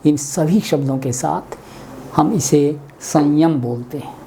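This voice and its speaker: A man giving a webinar lesson on pronunciation, spelling out letters one by one as he writes them and explaining each step deliberately. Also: fairly high pitch, mellow, slight background noise. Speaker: Hindi language teacher.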